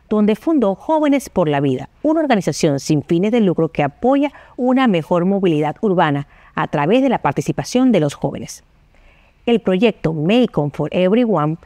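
A woman in her forties reading the news in a formal, measured way from a TV studio. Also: lowish voice, mellow, no room sound. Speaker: news anchor.

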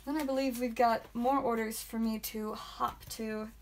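A trading card stream host with a high, calming voice opens card packs live at a normal pace, chatting to her stream. She's playful and says sound effects out loud, sitting in an indoor room with a whiteboard.

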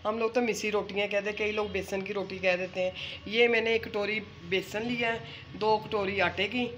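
A woman's voice: medium pitch, steady tone, normal speed, fairly bright tone, slight background noise. A woman from Punjab, the host's mother, demonstrating a home recipe step by step and often checking in with "theek hai". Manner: explains step by step, keeps adding "theek hai" and "haan ji". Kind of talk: homely cooking demonstration.

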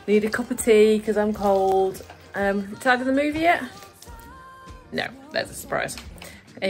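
Chatty British woman vlogging her day. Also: fairly high pitch. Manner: chatty, talking to camera while going about her day. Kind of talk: casual vlog chat.

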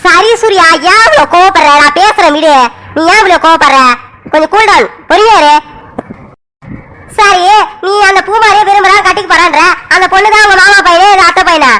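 A woman as a calm cartoon mother. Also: very high-pitched, a little fast. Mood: soothing. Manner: patient, reassuring, repeats "sit, wait". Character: middle-aged mother, calm and soothing. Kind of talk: animated cartoon serial voice.

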